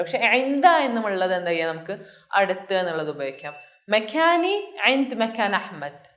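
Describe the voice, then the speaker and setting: Lively-voiced woman teaching a language lesson. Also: mid-range voice. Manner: explains slowly, repeating example phrases. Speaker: Arabic teacher.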